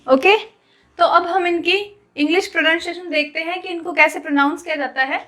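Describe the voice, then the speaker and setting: A woman's voice: extremely high pitch, fairly even intonation, brisk, fairly bright tone. A woman teaching a Punjabi script lesson online, patiently explaining each letter step by step as she writes it and addressing viewers as guys.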